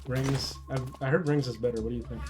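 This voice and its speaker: A man's voice: mid-range voice, fairly even intonation, fast talker. A young man in casual gaming chat, laid-back with short replies. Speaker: let's play co-host. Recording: game music behind. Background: game music.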